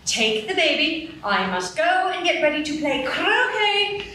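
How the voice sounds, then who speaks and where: Stage radio play: woman as a cryptic, dismissive Duchess, high, slow and bright voice, echoey hall. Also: big pitch swings, a little hiss or hum, exaggerated voice. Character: brusque, cryptic noblewoman, the Duchess. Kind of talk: live radio play acting. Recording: echoey hall, distant mic.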